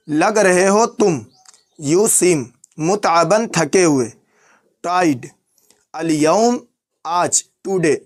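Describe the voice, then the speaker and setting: Man, language teacher, unhurried, repeats phrases word by word. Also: high-pitched. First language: Urdu. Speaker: Arabic teacher. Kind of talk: language lesson.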